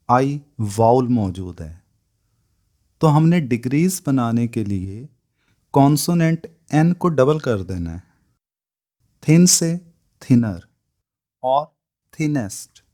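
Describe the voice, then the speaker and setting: A man teaching English grammar in speech, spelling out each word form one by one in a slow lesson. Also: medium pitch, warm tone.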